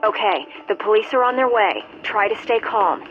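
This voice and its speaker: A woman's voice: medium pitch, expressive, normal speed. A woman playing a composed, procedural American 911 operator in a video game, giving controlled instructions over a phone line. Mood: composed, directive. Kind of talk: acted emergency call in a game. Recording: muffled telephone line.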